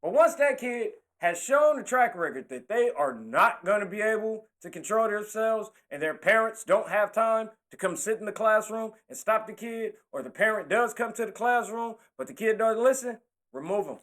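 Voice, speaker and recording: High-voiced animated man preaching. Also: moderate pace. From California. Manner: animated, preachy, slangy street talk, gestures while talking. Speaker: political commentator. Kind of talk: impassioned monologue to camera.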